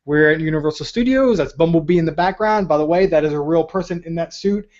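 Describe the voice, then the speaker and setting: A man's voice: fairly high pitch, fast, a little mellow, highs cut off. Man in his 30s, webinar presenter, casual and earnest, tells rambling stories with many ums. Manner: rambling, earnest, filler-heavy storytelling. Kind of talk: casual online training talk.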